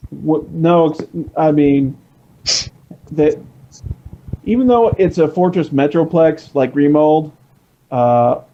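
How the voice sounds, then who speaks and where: Excitable rambling man, slightly high voice. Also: dull audio. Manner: rambling, excitable, many restarts. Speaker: podcast co-host. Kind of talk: casual chat.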